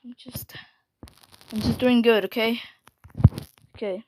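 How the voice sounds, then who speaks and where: A woman giving casual game commentary, calling herself dumb and swinging from whispers to sudden yells. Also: fairly high pitch, steady tone, takes it slowly, background noise. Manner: self-mocking, jumpy, drops into whispers and sudden yells. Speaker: gamer.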